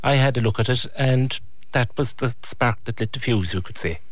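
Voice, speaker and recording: A man's voice: mid-range voice, normal speed, no room sound. A man with an Irish accent reminiscing conversationally as an interview guest.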